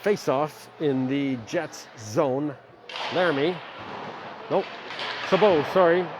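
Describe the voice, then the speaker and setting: A middle-aged man doing amateur live play-by-play of a hockey game at an ice rink, rattling off the action and dropping in relaxed, chatty asides. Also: a little high, slow pace, background noise. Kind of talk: amateur live sports commentary.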